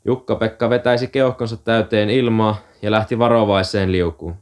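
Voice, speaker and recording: Low-voiced male audiobook narrator. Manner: calm, measured storytelling. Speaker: audiobook reader. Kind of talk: scripted narration.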